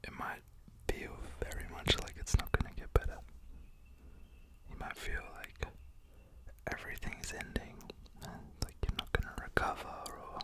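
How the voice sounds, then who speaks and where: This ASMR creator is a man chatting casually and meanderingly at a moderate pace, his breathy whisper soft and close to the microphone. The mood he sets is gentle, informal and reassuring.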